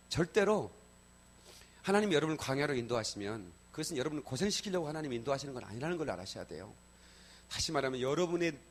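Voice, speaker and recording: A middle-aged male pastor preaching a sermon in a church, telling personal stories in a lively colloquial way, swinging from loud exclamations to soft asides and often checking in with the congregation. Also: mid-range voice. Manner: colloquial, addresses congregation with repeated "예?". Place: church sanctuary.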